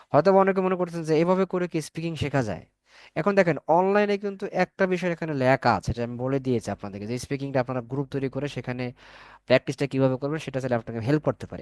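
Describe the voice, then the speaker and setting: A man's voice: a little high, no room sound. A man teaching a spoken English class online, coaxing students to answer and repeating his points.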